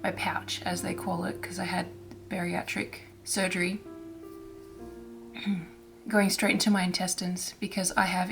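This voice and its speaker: This woman hosts a crafting vlog about cross-stitch and chats informally, quietly and haltingly, frequently restarting her sentences. Throat irritation makes her lowish voice hoarse and raspy.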